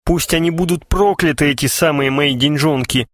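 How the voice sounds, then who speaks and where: A man's voice: medium pitch, lively intonation, moderate pace, a bit bright, no echo, clean studio sound, close to an everyday voice. A man voicing a moody, jealous young man who has just come into money, speaking in an earnest, brooding way. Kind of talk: audiobook character voice.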